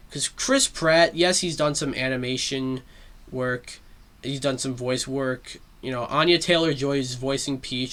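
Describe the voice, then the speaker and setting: A man's voice: a little high, sharp tone. A man hosting a solo show, giving casual pop-culture commentary in a rambling way, with lots of fillers and frequent swearing. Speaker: solo talk show host.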